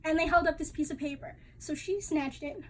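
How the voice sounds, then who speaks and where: A woman's voice: sits high, brisk, slight background noise, poor audio. A young woman giving a class presentation, talking casually and chattily with fillers and the odd laugh. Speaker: student presenter.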